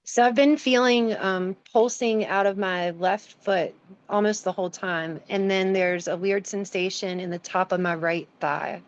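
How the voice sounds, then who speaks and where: A woman's voice: mid-range voice, steady tone, unhurried. A woman taking part in an online healing session over a video call. She answers in brief, hesitant replies. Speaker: session participant. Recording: dry, dull-sounding video call audio.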